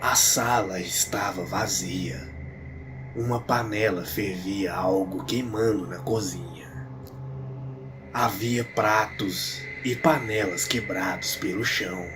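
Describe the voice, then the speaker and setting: A man narrating a horror tale in a slow, grave, suspenseful manner. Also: low-pitched, over music. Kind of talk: dramatic storytelling.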